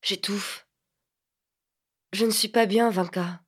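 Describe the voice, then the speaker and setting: Female reader voicing a worried teenage boy, soft and pleading, storybook reading. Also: medium pitch, fairly even intonation, takes it slowly, husky. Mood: anguished. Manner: pleading, tender. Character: teenage boy, anxious and lovesick.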